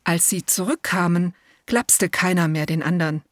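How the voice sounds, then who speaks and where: A woman reading a children's storybook aloud, gentle and measured, as if telling it to a child. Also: fairly low pitch, dry recording, clean studio sound.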